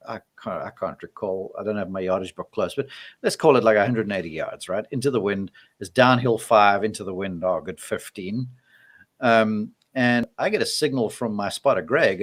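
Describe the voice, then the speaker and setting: A man on a golf podcast, telling a long on-course story in casual chat and acting out the quoted exchanges. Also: fairly low pitch.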